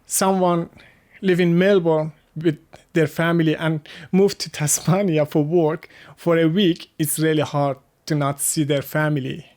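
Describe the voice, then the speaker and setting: A man from Afghanistan, a guest in a casual interview, speaking halting second-language English with restarts and soft laughs. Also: a little high, steady tone.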